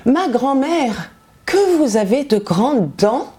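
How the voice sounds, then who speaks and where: Naive little storybook girl, voiced by a woman, innocent and wondering, slow and a touch high. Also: very animated, mellow, heavily acted.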